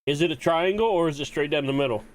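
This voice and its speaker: A man's voice: on the high side, fast talker, no room sound. A man streaming a game, chatting casually and teasing his friends with joking, profane banter. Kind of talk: casual gaming stream chat.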